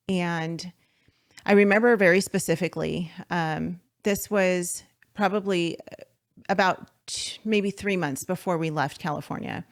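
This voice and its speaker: A woman in her forties speaks as a podcast guest, with a somewhat low voice. She tells her story earnestly, pausing often on fillers and restarting her sentences. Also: gravelly. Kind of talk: faith-based podcast interview.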